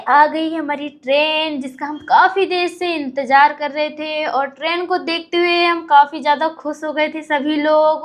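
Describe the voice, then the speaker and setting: Young woman, vlog narration, high voice, chatty storytelling, lively. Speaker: vlogger.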